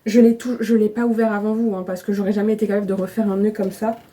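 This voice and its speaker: A woman chatting casually as she unboxes items at home on her bed, gushing and excitable, with plenty of fillers. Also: medium pitch, fast talker. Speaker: vlogger.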